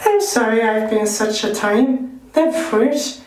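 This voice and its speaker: A man's voice: very high-pitched, slow. A man voicing an anxious, eager-to-please fat schoolboy with glasses in a fussy way. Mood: earnest. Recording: roomy sound, distant mic.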